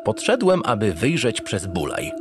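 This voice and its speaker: A man with a fairly low voice narrates a comic first-person audio drama in character as a starship captain, speaking at normal speed with huge pitch swings. His manner is theatrical and mock-pompous, and music plays in the background.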